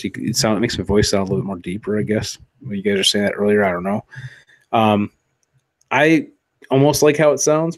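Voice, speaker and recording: Guy rambling on his live stream into a desk mic, lots of ums and restarts, cusses a bit. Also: medium pitch. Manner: rambling, full of fillers and restarts, mild swearing. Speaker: livestream show host. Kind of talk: casual live-stream chat. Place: home office. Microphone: desktop USB studio mic.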